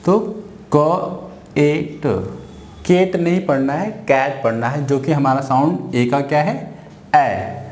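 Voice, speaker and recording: Guy teaching phonics to kids super slow, keeps repeating sounds, echoey room. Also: mid-range voice, a little mellow. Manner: drills sounds with repeated questions. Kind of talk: slow phonics lesson for children. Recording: echoey room with faint noise.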